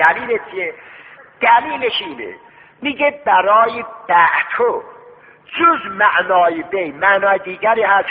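Man lecturing through a tinny reverberant recording. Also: high voice. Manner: poses rhetorical questions and answers them himself; repeats key terms slowly to stress them. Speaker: seminary teacher. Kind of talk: classroom lecture on Islamic law.

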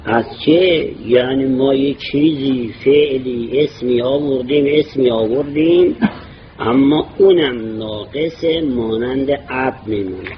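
A man teaching Arabic grammar in a lecture, reading Arabic phrases slowly and then explaining them at length. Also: mid-range voice. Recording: dull lo-fi recording with clear background noise.

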